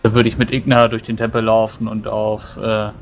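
A man's voice: fairly low pitch, completely flat delivery, normal speed. A man playing a tabletop role-playing game, casually describing what his character does. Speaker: player. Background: music.

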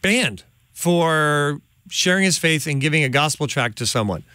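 Unhurried yet forceful, this middle-aged host's slightly high voice is bright, smooth and expressive, with no room sound. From a studio with a large window, on a boom-mounted microphone, he puts emphatic, indignant questions to his guest.

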